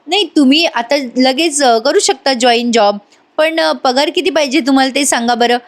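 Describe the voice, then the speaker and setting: A woman's voice: high voice, normal speed, pitched above the performer's own voice. A woman reading a cheeky, teasing young man. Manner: playful, teasing.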